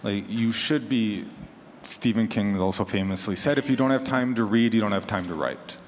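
At normal speed and with a fairly low pitch, a man who podcasts horror fiction talks on a convention panel. His address to the audience is casual, conversational and encouraging. The echoey indoor hall is large, and its background noise is clearly heard.

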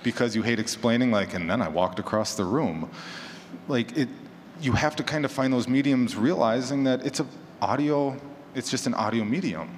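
Speaking at a normal speed in a medium-pitched voice, a man on a conference panel chats conversationally about his work as a fiction podcaster. He poses rhetorical questions and acts out imagined quotes, and the recording picks up the reverberant hall and clear background noise.

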